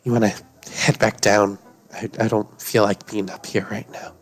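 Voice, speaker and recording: A man's voice: lowish voice, flat delivery, moderate pace, lightly acted. A man voicing a jumpy, defensive young actor who speaks in casual, hesitant bursts.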